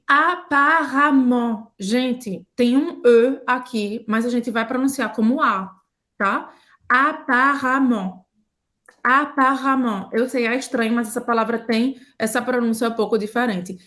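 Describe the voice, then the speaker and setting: A woman, teaching French in a casual video lesson and explaining pronunciation patiently. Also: on the high side. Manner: patient, explanatory, repeats sounds slowly.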